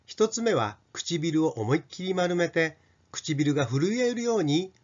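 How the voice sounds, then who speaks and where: A man's voice: fairly high pitch, very animated, a little slow, darkish tone. An older Japanese man teaching an English pronunciation lesson, carefully modelling sounds for students to repeat. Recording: slightly dull lo-fi sound.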